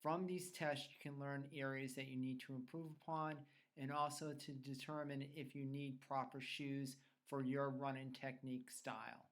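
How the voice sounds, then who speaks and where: A man presents an instructional fitness tutorial in a mid-pitched voice. He explains things plainly, one step after another, as a trainer would to clients. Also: little pitch movement, moderate pace, hardly any pauses. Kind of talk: instructional explanation of self-tests.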